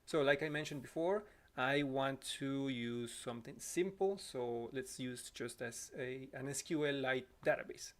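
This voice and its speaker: Here the Costa Rican coding instructor, a man in his thirties with a Spanish accent, keeps a measured pace with hardly any pauses and a fairly bright tone. He narrates a live coding session while typing, apologetic and quick to correct himself, slightly scratchy-throated, using a boom mic on an arm in a small room at home.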